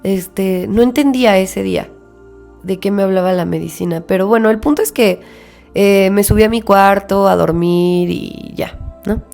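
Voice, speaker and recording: A young adult woman with a Mexican accent, casually recounting a spiritual experience and acting out the dialogue, soft music behind her. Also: medium pitch, normal speed, creaky. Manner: reflective, animated retelling with quoted dialogue. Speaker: spiritual podcast host. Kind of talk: casual personal storytelling.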